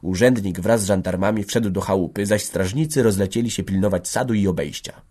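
Male audiobook narrator, low, even storytelling delivery. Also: fairly quick. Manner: steady storytelling reading. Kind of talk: scripted narration.

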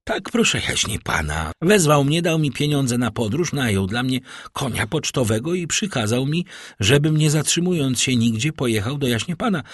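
A man's voice: medium pitch, big pitch swings, husky, no echo, clean studio sound, pitched above the performer's own voice. A man voicing a breathless young manservant. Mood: breathless, deferential. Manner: hurried, deferential reporting. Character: breathless young male servant, eager and dutiful.

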